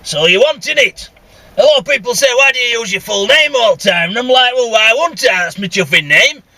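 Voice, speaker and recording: A CB radio vlogger with a Northern English accent rambles casually and bluntly while driving, grumbling and swearing as he goes. His voice is very high-pitched, pushed and bright, with lively intonation and a fairly quick pace. The recording inside the vehicle has no echo.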